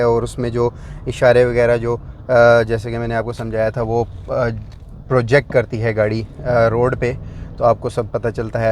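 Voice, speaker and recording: A man's voice: medium pitch, darkish tone, slight background noise. A man doing a casual car review, explaining features as he demonstrates them and using plenty of fillers, recorded inside a large vehicle.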